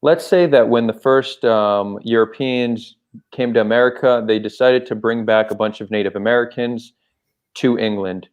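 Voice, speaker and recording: Calm, measured man hosting a call-in. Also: medium pitch, clear, resonant tone, highs cut off. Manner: calm, measured, repeatedly tries to get a word in. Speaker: host. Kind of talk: live call-in debate.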